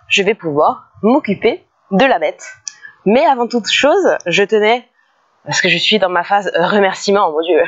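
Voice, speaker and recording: Hesitant woman vlogging, dull lo-fi sound. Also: medium pitch. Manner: hesitant, many fillers and restarts, laughs often. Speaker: car detailing vlogger. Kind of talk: casual vlog talk to camera. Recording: dull lo-fi recording.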